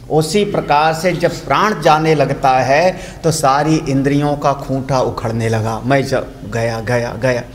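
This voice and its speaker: A man's voice: mid-range voice, slight background noise. An older man, a swami, giving a storytelling commentary on scripture and explaining Sanskrit phrases.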